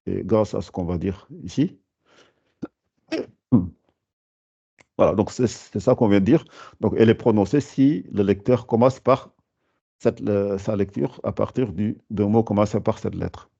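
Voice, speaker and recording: A man's voice: lowish voice, unhurried, gravelly, pauses often, mellow, husky, muffled recording. A man teaching a lesson, explaining patiently with many fillers and restarts. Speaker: Quran recitation teacher.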